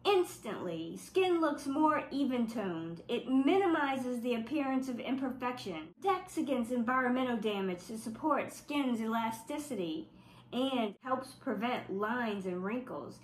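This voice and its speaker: Congested with flu, a woman from South Louisiana reviews makeup casually for her beauty vlog, reading out product claims with wry skepticism. Her voice is on the high side. The low-quality recording is reverberant, with slight background noise.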